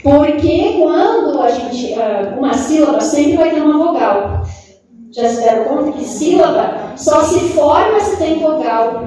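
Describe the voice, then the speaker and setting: A high, mellow-toned woman lectures to teachers in a loose, conversational way, tagging her points with quick check-ins. She is heard from far off in a very echoey hall. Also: animated. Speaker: lecturer in a teacher training course.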